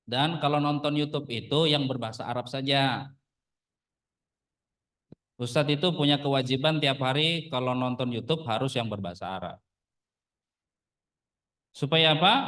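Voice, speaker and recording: A man's voice: medium pitch, normal speed, long pauses, fairly bright tone, recorded from a distance. A man in his thirties, a religious teacher, giving a casual lesson and peppering his listeners with rhetorical questions. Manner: addresses the audience as brothers. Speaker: Arabic teacher, ustadz.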